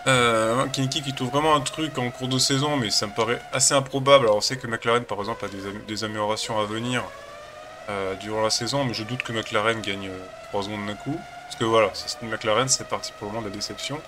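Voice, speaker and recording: A man with a cold hosts a gaming channel, chatting casually and rambling with hesitations as he plays a racing game. His voice is on the low side with a steady tone and a quick pace, against a noisy background.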